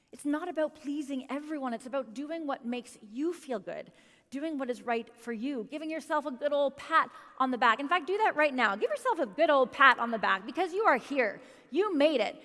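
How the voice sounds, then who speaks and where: A woman in her thirties giving a motivational keynote speech, animated and quizzing the audience directly. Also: a little high. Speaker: keynote speaker. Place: conference hall stage. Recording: long reverb of a large hall.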